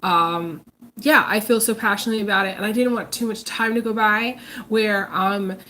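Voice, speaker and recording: This congested woman, recovering from being sick, hosts a casual psychic-reading live stream at normal speed. Her medium-pitched voice is steady yet pushed and bright, and she stumbles through many ums and restarts over slight background noise.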